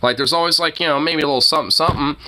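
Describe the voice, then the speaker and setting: A man giving casual, off-the-cuff streamer commentary, rambling and halting, with plenty of loose swearing. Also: a little high, pushed and bright.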